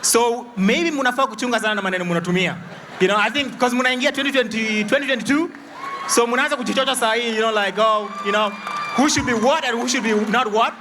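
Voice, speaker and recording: A man's voice: very high-pitched, fast talker. Hesitant man from South Sudan. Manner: hesitant, many fillers, mixing Swahili slang. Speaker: audience member. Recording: loud crowd and noise, from far off.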